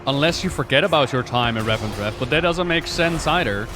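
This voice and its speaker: Man musing aloud over loud game music. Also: medium pitch, animated, fairly quick. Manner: rambling, musing aloud, playful. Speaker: game streamer and lore commentator. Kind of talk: casual livestream game commentary. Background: game music and effects.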